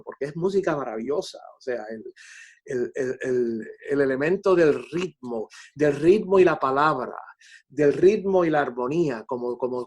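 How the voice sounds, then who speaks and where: Reflecting in an interview, this older composer from Puerto Rico stumbles and repeats himself while explaining, his Spanish accent clear. The voice is slightly high, husky, and dark in tone.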